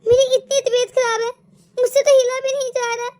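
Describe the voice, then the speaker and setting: A woman plays a meek young daughter-in-law in an animated story, sick and pleading through tears. The voice is very high and bright, thin with weakness. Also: normal speed. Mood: complaining. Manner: weak, tearful pleading. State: crying.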